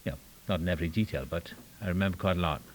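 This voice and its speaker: Talking very fast in a deep voice, an older man from Wales shares his story at a recovery meeting held in a meeting room. His testimony wanders, laced with dry self-mockery, restarts and asides that trail away.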